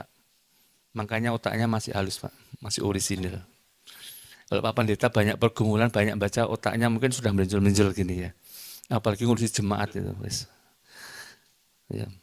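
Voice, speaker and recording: A middle-aged preacher from Indonesia delivers a church sermon. He goes from loud, emphatic declarations down to quiet, confiding asides and teases the congregation now and then. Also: lowish voice. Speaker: evangelist preacher. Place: church hall during a service.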